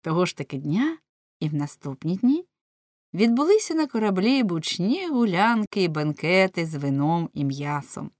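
A woman reading an audiobook aloud in a measured, even storytelling manner. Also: lowish voice, dry recording, studio quality. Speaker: audiobook reader. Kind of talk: scripted narration.

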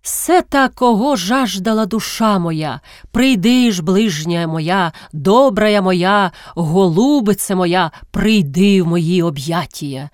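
A woman voicing a tipsy young man courting a girl in drawn-out, fervent, churchy pleading. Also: medium pitch, dry recording, studio quality, close to an everyday voice.

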